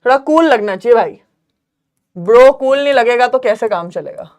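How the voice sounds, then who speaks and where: A young woman teaching biology in a live online class, mixing English terms into Hindi, quizzing students and asking whether it is clear. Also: fairly high pitch, expressive, normal speed, a little mellow. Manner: calls students "beta", quizzes them, asks if it's clear.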